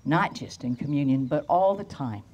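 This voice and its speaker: An older woman pastor preaching a storytelling sermon outdoors at a lectern into a handheld mic, slowing down to stress key phrases. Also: low voice, lively intonation, a little mellow, slight background noise. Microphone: handheld microphone.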